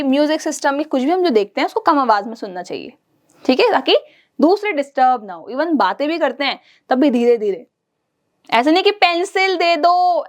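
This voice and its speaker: A woman teacher, giving a lively online lesson to children. She talks straight to the kids and imitates everyday sounds for them. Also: sits high.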